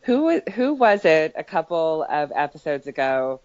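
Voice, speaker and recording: A woman's voice: low voice, very animated, normal speed, a little mellow, no echo. A woman co-hosting a casual sports podcast, chatty and teasing her co-host. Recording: dry, dull lo-fi podcast audio.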